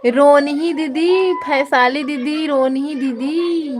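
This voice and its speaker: A woman's voice: high-pitched, takes it slowly, a little hiss or hum. A woman with a Chhattisgarhi accent hosting a casual live stream, reading viewer comments and teasing them playfully into her phone.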